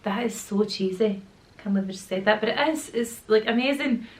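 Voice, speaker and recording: A mid-range, fairly quick female voice belongs to a Glaswegian YouTuber and mum in her thirties. She chats casually to camera at home near her children, rambling and using slang, with a slightly sore throat.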